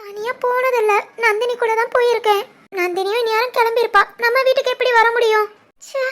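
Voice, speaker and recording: A woman doing a squeaky young Tirunelveli wife. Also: steady tone, brisk, a bit bright. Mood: fretting. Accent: Tirunelveli Tamil. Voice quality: squeaky, childlike. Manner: bossy teasing banter. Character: young college-going wife, sharp-tongued and playful. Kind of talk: animated family story.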